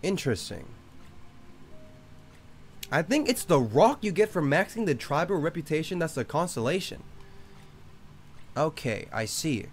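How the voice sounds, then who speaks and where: Sing-song and a little high, the young streamer's voice moves at a measured pace with long pauses over soft background music. Born in Australia yet carrying a Southern Californian accent, he plays a game while joking, cursing freely, and reading viewer chat aloud.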